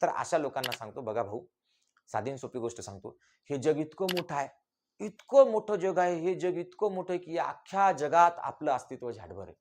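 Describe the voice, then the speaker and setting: A man's voice: fairly high pitch, expressive, fairly quick, a little mellow, a little hiss or hum. A man from rural Maharashtra giving a motivational talk, emphatic and full of repeated rhetorical questions he answers himself. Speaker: motivational speaker.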